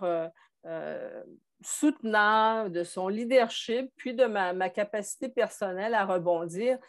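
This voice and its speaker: Hesitant Québécois woman in her sixties. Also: mid-range voice. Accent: Québécois French. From Montreal, Quebec. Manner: thoughtful, frequent hesitations. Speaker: guest. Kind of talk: conversational interview.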